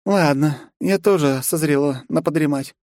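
A man's voice: on the high side, normal speed, a little mellow, dry recording, clean studio sound, voice pushed up, natural voice. A man voicing a playful young woman who teases in a mocking tone. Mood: sleepy. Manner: teasing, mocking.

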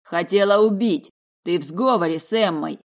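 A woman voicing a brutish, threatening heavy older man who drags his bellowed threats out slowly in a storybook reading. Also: fairly low pitch. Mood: furious. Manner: slow, drawn-out bellowing threats.

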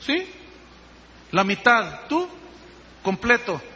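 A man preaching a sermon as pastor, telling stories in an animated way and acting out the dialogue. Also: high-pitched, extremely slow. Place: church hall. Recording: reverberant hall with faint noise.

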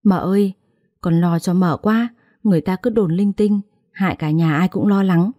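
A worried, chatty young housemaid in a storybook drama, as a woman narrator puts her on. She passes on gossip in a low, mellow voice. Dry, close sound. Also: normal speed, no echo, close to an everyday voice.

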